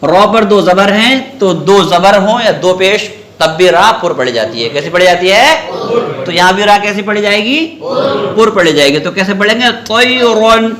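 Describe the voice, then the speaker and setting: Guy teaching quran recitation, high bright voice, keeps quizzing the class and stretching the sounds out, echoey room. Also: expressive, a crowd in the background. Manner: asks questions and repeats answers, draws out sounds slowly to demonstrate. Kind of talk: classroom tajweed lesson with call-and-response.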